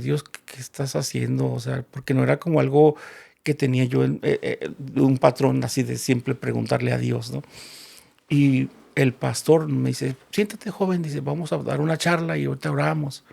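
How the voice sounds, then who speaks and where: A man's voice: medium pitch, vocal fry, darkish tone, breathy edge. A man, a guest in a casual interview, telling a personal story and acting out the dialogue.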